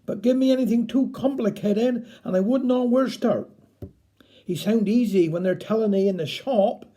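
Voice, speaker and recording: A man's voice: high voice, dark tone. A man with a broad Cornish West Country accent telling a homely dialect story in a chatty, folksy way.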